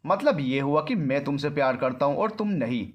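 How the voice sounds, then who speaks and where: A man's voice: on the high side, expressive, fairly quick, muffled recording. A man voicing an arrogant, controlling young man in a storybook reading, rude and mocking. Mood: smug. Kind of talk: storybook narration.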